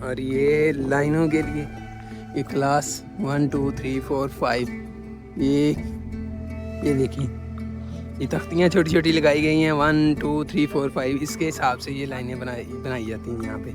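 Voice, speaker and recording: A man's voice: mid-range voice, steady tone, unhurried, over music. A man from Pakistan with a Punjabi accent narrating a casual travel vlog, showing and explaining things conversationally as he walks around outdoors. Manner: conversational show-and-tell with repeated pointing phrases. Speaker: travel vlogger. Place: outdoors in a windy rural village.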